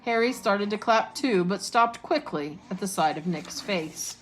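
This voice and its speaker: A woman teacher reading a storybook chapter aloud in a steady, expressive way. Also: mid-range voice, unhurried, slight background noise, low-quality recording.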